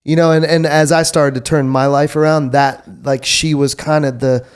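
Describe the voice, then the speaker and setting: A man hosting a podcast, chatting in a relaxed, slangy way with some swearing. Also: a little high, moderate pace, clean tone. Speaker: podcast host. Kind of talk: casual chat.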